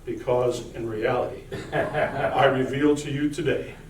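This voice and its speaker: A man's voice: mid-range voice, fairly even intonation, measured pace. A man telling a folksy tall tale as a live speech, theatrical and mock-serious, with dramatic swoops. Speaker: contestant in a Toastmasters speech contest. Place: indoor speech contest room. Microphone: distant microphone. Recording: echoey room from far off, faint noise.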